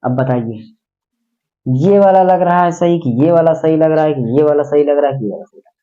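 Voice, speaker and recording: A man's voice: a little high, brisk, warm tone, muffled recording. A man teaching a grammar lesson who repeats words and keeps asking his students questions.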